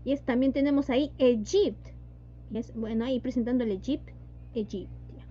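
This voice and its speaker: An English teacher with a high voice speaks at normal speed during an online lesson, moving between Spanish and English and repeating "yes" and "¿no?". The video call audio is dull and lo-fi, carrying a faint hum.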